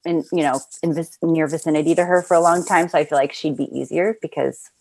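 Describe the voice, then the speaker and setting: A woman's voice: low voice, fairly even intonation, fast talker, creaky, a little mellow, husky, no room sound. A woman in casual conversation, chatty and upbeat, laughing easily as she talks. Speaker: actor. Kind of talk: casual chat. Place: Los Angeles area.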